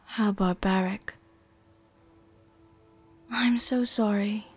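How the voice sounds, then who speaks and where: Her mid-range voice carries a note of sympathetic disdain as she plays a worldly, softly dominant vampire countess for an intimate roleplay ASMR. She speaks softly and gently, commanding with tenderness.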